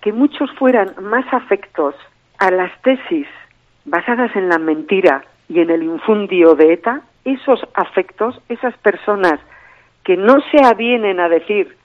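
A woman's voice: medium pitch, animated, measured pace, no room sound. Earnest woman on a tinny phone line. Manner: earnest, emphatic, repeats key phrases. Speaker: spokesperson for terrorism victims' group. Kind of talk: radio interview guest by phone. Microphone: telephone.

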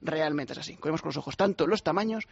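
A man with a gravelly, husky voice talks through kitchen tricks on the radio, pausing and restarting as he explains. His pitch sits a little high, and the sound is dull, like an older broadcast. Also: dry recording. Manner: explanatory, gives practical kitchen tips with hesitations. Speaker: food science guest. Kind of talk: casual radio chat.

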